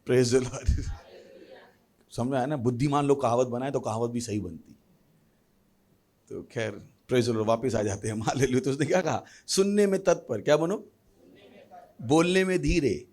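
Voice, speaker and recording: A male pastor preaching a sermon, lively with humorous asides and questions thrown to the congregation. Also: mid-range voice, unhurried, pauses often. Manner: animated preaching with humorous asides and acted voices.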